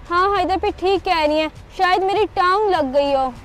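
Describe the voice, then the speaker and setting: Woman as a smug cheating sister, very high, home drama with music. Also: normal speed, fairly bright tone. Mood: guilty. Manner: sly, boastful. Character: scheming competitive sister who cheats to win. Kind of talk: amateur family drama. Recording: music behind.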